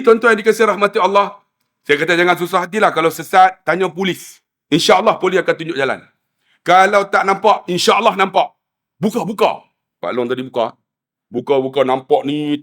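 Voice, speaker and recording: A man's voice: a little high, fairly quick, fairly bright tone. A man with a Malaysian Malay accent preaching a sermon, telling stories animatedly and acting out the dialogue. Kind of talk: storytelling sermon.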